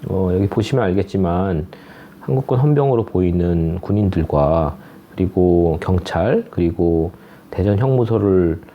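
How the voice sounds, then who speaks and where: A man, a researcher, explaining historical photos in a steady, explanatory way with hesitant fillers. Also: deep voice, a little slow, highs cut off, slight background noise. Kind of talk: expert explanation.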